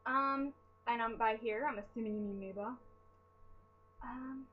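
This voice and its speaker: A woman's voice: a little high, measured pace, highs cut off. A young woman chatting casually to camera while answering fan questions, rambling and self-deprecating, tired from lack of sleep. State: sleep-deprived. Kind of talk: casual chat.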